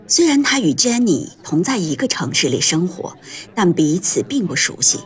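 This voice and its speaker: A woman reading an audiobook aloud in gentle, measured scripted narration. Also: mid-range voice.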